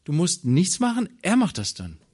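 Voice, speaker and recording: A man preaching a sermon, animated, swinging from soft asides to loud emphatic lines and talking straight to his listeners. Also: sits high, normal speed, husky. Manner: addresses listeners directly with "wisst ihr".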